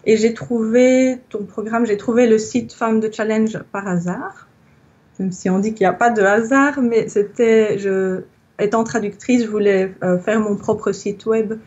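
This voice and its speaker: A slightly slow, fairly evenly intoned mid-range voice with a darkish tone comes through dull audio. It belongs to a Belgian yoga teacher in her thirties, who reflects in a testimonial interview while searching for words.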